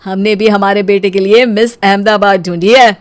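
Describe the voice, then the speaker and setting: A woman's voice: medium pitch, steady tone, normal speed, lightly acted. A woman voicing a nosy, smug middle-aged male neighbour in a cartoon story, ingratiating and teasing. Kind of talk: cartoon story character acting.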